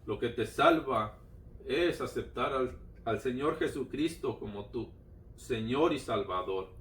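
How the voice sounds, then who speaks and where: A man's voice: medium pitch, expressive, unhurried, fairly bright tone. Guy telling his testimony, keeps repeating himself, all fervent, sounds far from the mic. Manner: fervent, repetitive, emphatic retelling. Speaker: guest giving testimony. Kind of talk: personal religious testimony. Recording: roomy sound from a distant mic.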